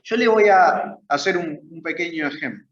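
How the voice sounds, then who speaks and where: A man's voice: on the high side, moderate pace, reverberant, muffled recording. A man with an Argentine Spanish accent teaching a church Bible class in a conversational way, often checking in with his listeners. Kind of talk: church Bible study lesson. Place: church meeting room.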